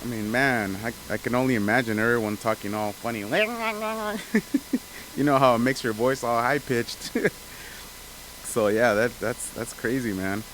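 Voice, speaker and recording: Man, casual rambling chat, mid pitch, hissy noisy recording. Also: fairly even intonation, moderate pace, fairly bright tone. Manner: loose, rambling, lots of fillers and restarts. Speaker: channel host. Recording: hissy background noise.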